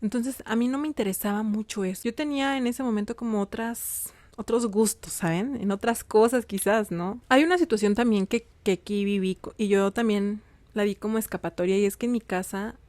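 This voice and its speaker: A woman's voice: mid-range voice, fairly quick, darkish tone, dry recording. A young adult woman, telling her own story to viewers in a casual, confiding way and often checking in with them. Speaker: vlogger.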